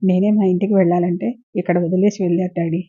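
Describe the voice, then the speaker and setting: A woman voicing a hurt, withdrawn young wife who answers quietly and tiredly, in a dull lo-fi recording. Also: lowish voice, little pitch movement, quick pace, breathy edge, no room sound. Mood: weary.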